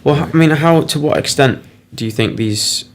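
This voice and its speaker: A man's voice: on the high side, moderate pace, a little hiss or hum. A man co-presenting a radio science show, chipping in with curious questions. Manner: inquisitive, interjecting with questions. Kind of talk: casual science chat.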